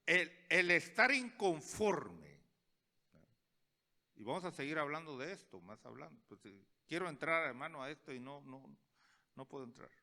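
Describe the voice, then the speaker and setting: A pastor delivers a sermon in a brisk, gravelly male voice of medium pitch, putting questions to the congregation and acting out small scenes. He drops into quiet asides, then rises to loud calls.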